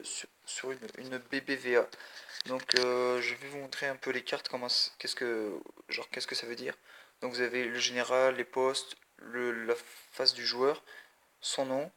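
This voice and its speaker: A man's voice: medium pitch, little pitch movement, normal speed, pushed and bright, slight background noise. A man giving casual, rambling commentary on a mobile football game and talking straight to his viewers. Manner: rambling, chatty, addresses viewers directly. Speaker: mobile gaming video creator.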